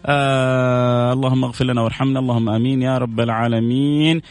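A man's voice: mid-range voice, flat delivery, fast talker. A man hosting a call-in radio show, reading listener messages and answering with devout blessings. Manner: warm, devout, reads out messages and answers them with prayers. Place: radio studio. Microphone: studio microphone.

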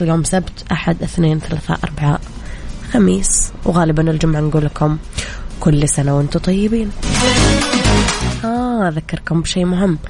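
A woman hosting a radio call-in quiz, friendly and brisk with callers. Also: low voice, a little mellow, a little hiss or hum. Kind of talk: lively radio call-in show.

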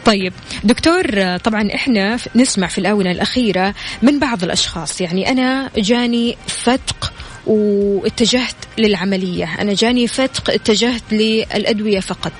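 A woman's voice: mid-range voice, brisk. A woman with a Saudi Hijazi accent hosting radio in an upbeat, chatty presenter delivery from a studio. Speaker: radio host. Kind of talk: upbeat radio phone-in and prize announcing. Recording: music bed behind studio voice. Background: music.

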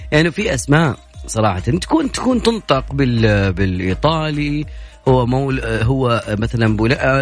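Brief: male radio host, quick and joking, faint music bed under him. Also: medium pitch. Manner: chatty, playful, fast-talking. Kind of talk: casual radio talk show.

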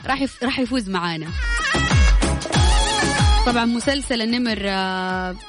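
A woman's voice: a little high, moderate pace. A woman hosting a live radio quiz show, chatting informally and congratulating winners. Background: loud music.

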